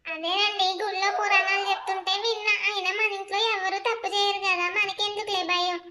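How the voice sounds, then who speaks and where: A woman's voice: very high-pitched, level tone, fairly quick, pushed and bright. A woman voicing a young wife in a cartoon who asks probing, pointed questions. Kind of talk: cartoon voice acting.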